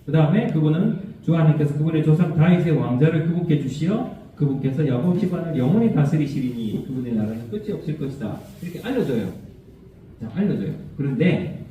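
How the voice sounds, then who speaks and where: A fairly high-voiced male priest gives his homily in a lively, conversational way, acting out little quotes and laughing as he goes. He sounds far from the mic in a very echoey church. The sound is thin and phone-like, with faint noise underneath. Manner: conversational, animated storytelling with laughs and acted quotes. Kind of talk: homily at Mass.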